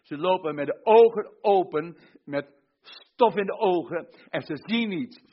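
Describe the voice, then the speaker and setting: A man's voice: sits high, lively intonation, a little slow, breathy edge. Emphatic male preacher, muffled recording. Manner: emphatic, repetitive build-ups. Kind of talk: sermon.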